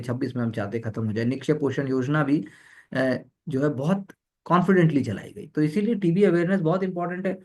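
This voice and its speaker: Higher-voiced male exam tutor. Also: a little mellow. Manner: code-switching, repeats words, leans on fillers. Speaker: exam prep teacher. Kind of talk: explaining news editorials to students.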